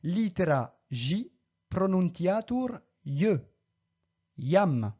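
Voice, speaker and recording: Language teacher, mid pitch, mellow, careful and explanatory, lo-fi dull sound. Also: very animated, husky. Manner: slow, careful, models Latin pronunciation then explains it. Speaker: Latin teacher. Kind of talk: recorded language lesson.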